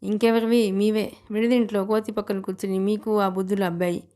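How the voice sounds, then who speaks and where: A woman's voice: mid-range voice, flat delivery, brisk, dark tone, lightly acted. A woman reading a proud young groom. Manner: proud, bluffing.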